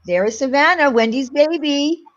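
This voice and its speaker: A woman's voice: high voice, normal speed. A woman chats and giggles her way through a loose livestream hosting session. Her voice comes through a dull, lo-fi recording. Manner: giggly, laughs often. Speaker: channel host. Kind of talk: casual livestream chat. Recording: dull lo-fi sound.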